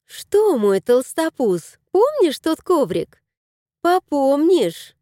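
A woman's voice: high-pitched, sing-song, takes it slowly, warm tone, no room sound, studio quality, voice pushed up, heavily acted. A woman voicing a cheerful, affectionate young wife who gushes in exclamations in an audiobook. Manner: gushing, exclamatory.

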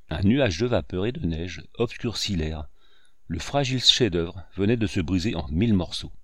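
Low-voiced male audiobook narrator, dry. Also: no echo. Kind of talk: scripted narration.

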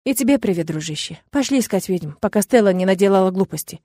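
A woman's voice: mid-range voice, lively intonation, fast talker, warm tone, no room sound, clean studio sound, lightly acted. A woman reading the lines of a tense, impulsive young male necromancer who talks urgently and often through clenched restraint. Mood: worried.

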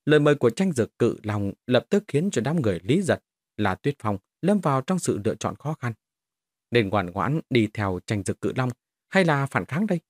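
A man's voice: mid-range voice, no room sound, clean studio sound. A man reading a fantasy novel aloud as scripted audiobook narration.

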